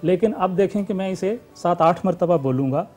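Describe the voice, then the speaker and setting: Mellow-voiced male acting teacher, measured. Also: high-pitched. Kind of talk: studio talk show interview.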